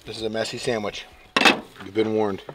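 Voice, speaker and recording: Heavy background noise and music surround this man's low, level-toned voice, which moves at a normal speed. He chats casually to viewers as an outdoor camping and fishing vlogger, with a folksy, exuberant, playful manner rich in quirky slang.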